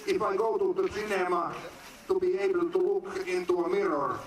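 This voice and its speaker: A man's voice: high voice, fairly even intonation, distant mic, slight background noise. Finnish man giving an echoey hall speech. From Finland. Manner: earnest, declamatory, short phrases with pauses. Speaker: guest speaker at a film screening. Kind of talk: formal speech to an audience. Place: large indoor venue. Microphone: phone recording from the audience.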